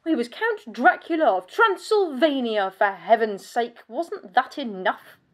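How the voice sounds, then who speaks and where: An actress performs a scripted dramatic monologue as a bitter, world-weary aristocratic vampire countess, sounding pompous and sardonic. Her female voice is fairly high, with lively intonation and a measured pace.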